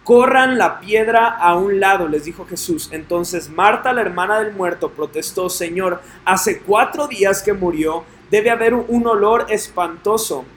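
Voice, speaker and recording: A man's voice: high voice, a little slow, hardly any pauses, fairly bright tone, a little hiss or hum. A man reading scripture and preaching earnestly, asking listeners direct questions. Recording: echoey room with faint ambience.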